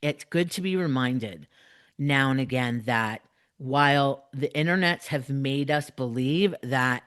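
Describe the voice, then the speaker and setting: A woman's voice: extremely low pitch, measured pace, clean tone. A woman hosting a solo podcast, talking earnestly and emphatically to listeners, repeating phrases, with the slight lisp of someone wearing a dental retainer. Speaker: podcast host.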